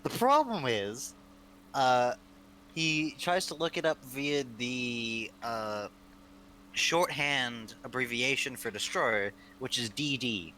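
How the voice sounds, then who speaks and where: A man's voice: mid-range voice, animated, slow pace, pushed and bright, rough recording. A man in a middle-ranged voice chats loosely on his live stream, drifting through long stories padded with fillers and frequent laughs. He talks into a desk microphone, with a faint hum running underneath. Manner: rambling, laughs often, many fillers. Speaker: streamer host. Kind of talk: casual chat on a live stream.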